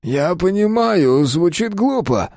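A man voicing a frightened older pensioner who pleads in a rushed way. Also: high-pitched, lively intonation, darkish tone, dry recording, studio quality, pitched above the performer's own voice, heavily acted.

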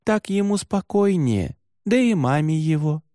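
A man reading an audiobook, voicing a kindly herder's wife who speaks gently and soothingly. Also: on the high side, animated, measured pace, no echo, clean studio sound, pitched above the performer's own voice. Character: kindly female herder's wife, calm and reassuring.

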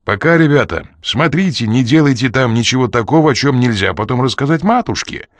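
Guy putting on a loud jolly dude, higher voice, bouncy. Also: animated, a little fast, dry recording, lightly acted. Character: cheerful tipsy man seeing off a friend.

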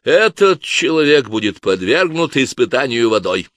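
A man voicing a stern, pompous older male inquisitor who proclaims loudly in an audiobook. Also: very animated, normal speed, no room sound, studio quality. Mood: solemn. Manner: booming, solemn proclamations.

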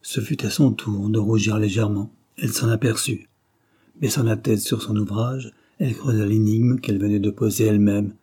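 A man narrating an audiobook in a measured, even storytelling manner. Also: on the low side, breathy edge. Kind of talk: scripted narration.

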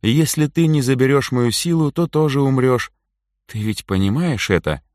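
Man reading doing a weak dying elf lady, slow and soft, dry close sound. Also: mid-range voice, no echo, voice pushed up, close to an everyday voice. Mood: tender. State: weak, whispering. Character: dying elf woman, weak, tender, calm.

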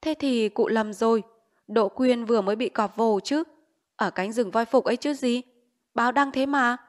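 A woman's voice: fairly high pitch, normal speed, pitched above the performer's own voice, close to an everyday voice. An old landlady speaks anxiously and humbly to an official in an audiobook, voiced by a woman. Her tone stays deferential and placating. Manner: pleading, deferential, raised voice. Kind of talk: audiobook character voice.

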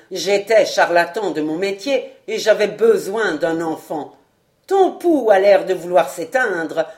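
A woman voicing a cruel, ironic male ex-acrobat who mocks his dying foe, in a storybook reading. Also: fairly low pitch. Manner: ironic, sneering.

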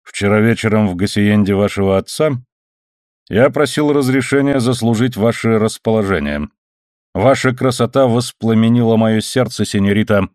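Arrogant army captain, fawning then scornful, read by a man in a low, dry voice. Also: normal speed, darkish tone, no room sound, natural voice. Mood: ingratiating. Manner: smug, ingratiating, then mocking. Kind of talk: audiobook character reading.

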